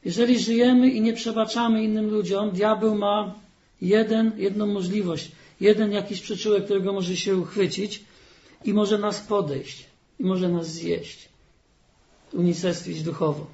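A man's voice: sits high, fairly even intonation, a little slow, a little mellow. A man preaching a sermon in church, reading scripture and stressing key phrases earnestly. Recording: dull lo-fi recording.

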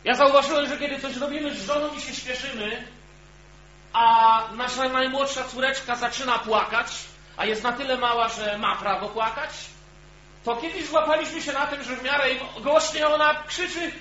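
His pitch extremely high and his tone bright and forceful, a man delivers an earnest sermon, putting direct questions to the congregation before him. The audio sounds echoey and dull with a faint hum underneath.

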